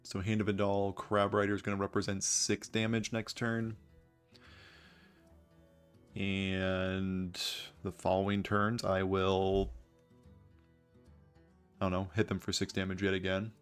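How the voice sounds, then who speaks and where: A man's voice: low voice, level tone, a little slow, pauses often, smooth, faint music behind. A man giving casual gameplay commentary as host, with a dry, wry, understated way of talking. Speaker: gaming video host.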